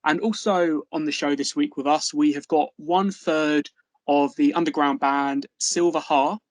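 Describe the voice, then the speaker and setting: A man's voice: a little high, steady tone, measured pace, dry recording. A man hosting a podcast in a casual, friendly way, joking and using fillers. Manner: friendly, jokey, many fillers. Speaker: podcast host.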